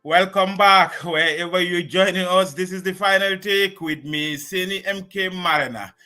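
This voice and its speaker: A man hosts a current-affairs interview with a bright, forceful tone and a fairly high voice. He reads his introductions in a formal, measured way and puts his questions plainly. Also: steady tone, soft background music. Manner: measured, formal scripted delivery. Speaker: news talk show host.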